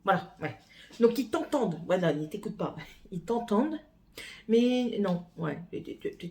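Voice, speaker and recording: Mellow-voiced woman rambling in a home vlog. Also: medium pitch. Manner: rambling and chatty, lots of hesitations. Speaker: mother and home vlogger. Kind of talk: casual vlog chat.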